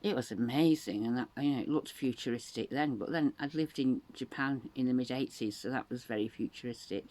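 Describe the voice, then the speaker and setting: A woman's voice: extremely low pitch, fairly quick, hardly any pauses. Chatty woman in her sixties. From England. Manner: rambling, chatty, animated when quoting others. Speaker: vlogger. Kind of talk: casual monologue.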